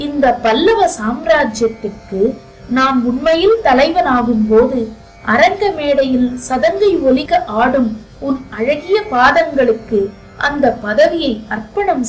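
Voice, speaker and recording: A woman narrator voicing a proud young crown prince who is sarcastic and wounded, speaking in a lowered voice over faint music. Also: low-quality recording. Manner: teasing then pleading, addresses her through the deer.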